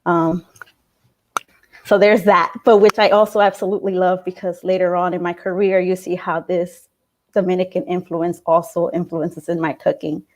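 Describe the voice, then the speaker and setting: A woman in her late twenties from New York City, talking in a casual interview about her school days, thoughtful, with frequent fillers and soft laughs. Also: on the low side, level tone, moderate pace. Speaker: interview guest, alumna.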